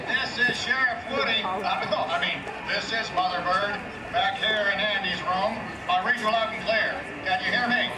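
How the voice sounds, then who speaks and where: A man's voice: sits high, normal speed, few pauses. A man voicing a friendly cowboy toy sheriff with a folksy drawl, heard over a walkie-talkie. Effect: heard over a walkie-talkie, played on park speakers. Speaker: prerecorded character voice in a live show. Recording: echoey outdoor loudspeaker from far off, loud ambient noise.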